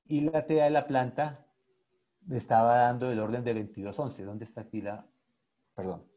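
A man's voice: medium pitch, steady tone, moderate pace, dark tone. A man with a Colombian accent giving an enthusiastic technical presentation online, speaking straight to his audience. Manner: enthusiastic, addresses audience directly. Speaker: lecturer.

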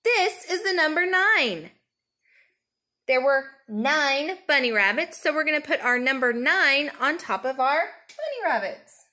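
A woman in her thirties leading a children's counting lesson, talking simply and in a sing-song way as to a toddler, with questions and pauses for answers. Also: high-pitched, lively intonation, pushed and bright. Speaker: preschool teacher.

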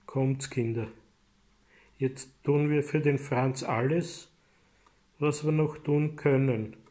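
Man voicing a hoarse, hushed grieving mother. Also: fairly even intonation, takes it slowly, lightly acted. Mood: hushed grief. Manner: quiet, low and hushed. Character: hoarse grieving mother gathering her children.

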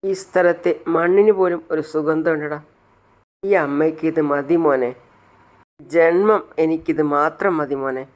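Brief: emotional middle-aged mother, proud and earnest, read by a man, slightly high. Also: unhurried, natural voice. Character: long-suffering determined middle-aged mother.

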